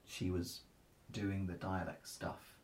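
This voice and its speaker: A man conducting a local history interview in a measured, tentative way, choosing his phrasing carefully. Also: flat delivery. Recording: faint noise with low rumble.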